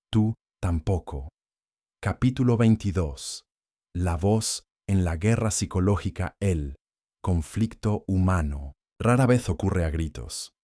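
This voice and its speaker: Male voice-over, very low and mellow, measured and solemn, dry close-mic sound, scripted motivational read. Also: no echo. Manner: measured, solemn, with dramatic pauses. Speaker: narrator.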